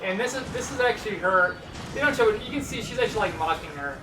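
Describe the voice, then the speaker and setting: Male let's player, casual and rambling, very quick delivery, noisy background. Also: high-pitched, lively intonation. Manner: rambling, repeats words. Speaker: player and gaming commentator. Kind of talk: casual let's play commentary. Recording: echoey room, distant mic, noisy.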